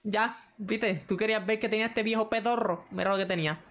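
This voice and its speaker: A man giving casual reaction commentary, excitable and teasing the characters on screen. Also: high voice, quick pace, faint music behind. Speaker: anime reaction channel host.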